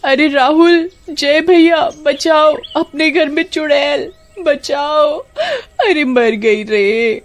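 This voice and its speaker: A woman voicing a cruel, shrill young woman who scolds and wails in a storybook tale. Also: measured pace, darkish tone, faint music behind. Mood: panicked. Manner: shrill, wailing and whining.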